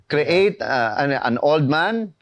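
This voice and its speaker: A man with a Filipino accent, an animated and emphatic voice actor guest chatting in an interview. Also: fairly high pitch, slow pace, dry recording, clean studio sound. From Philippines. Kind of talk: casual interview chat, Tagalog-English mix.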